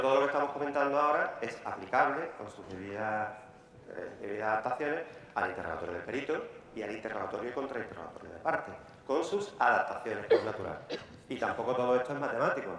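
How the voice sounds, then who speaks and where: A man's voice: medium pitch, a bit bright. Emphatic Spanish man in an echoey hall. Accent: Peninsular Spanish. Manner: brisk, emphatic, repeats key words. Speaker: lawyer leading a workshop. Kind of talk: live workshop lecture. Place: large conference hall. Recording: echoey hall, faint room noise.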